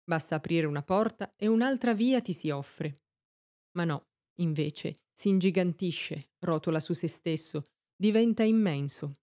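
A woman narrating a story in a measured, expressive reading. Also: on the low side.

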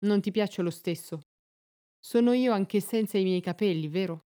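A woman's voice: medium pitch, normal speed, dark tone, natural voice. A woman reading as an anxious young wife. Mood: pleading.

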